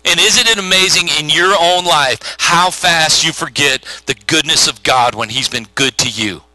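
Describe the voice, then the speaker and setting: A middle-aged male pastor preaching a sermon, telling the story with lively acted-out voices. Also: a little high, moderate pace, dry recording, low-quality recording. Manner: animated storytelling with voiced characters.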